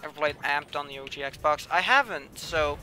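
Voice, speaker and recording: Over loud, clear background music, a young man streaming a game chats casually and reads messages from his chat at a moderate pace. His voice sits on the high side, and he describes it as whiny, muttering little asides to himself as he plays.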